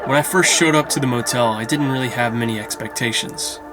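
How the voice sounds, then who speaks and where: A man's voice: mid-range voice, a little fast, loud music behind the voice. A man narrating a casual first-person travel vlog as the one staying there. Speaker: vlogger narrating a motel stay.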